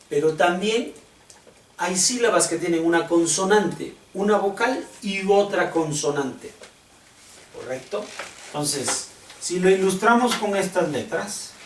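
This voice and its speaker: Slow, patient male teacher in an echoey classroom. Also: high-pitched. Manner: slow, patient, checks understanding with questions. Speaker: Hebrew teacher. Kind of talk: classroom lesson. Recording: echoey room, distant mic, faint hiss.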